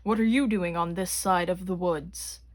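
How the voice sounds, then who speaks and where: A woman's voice: lowish voice, fairly even intonation, normal speed, natural voice. A woman voicing a friendly big male bear in a read-aloud storybook.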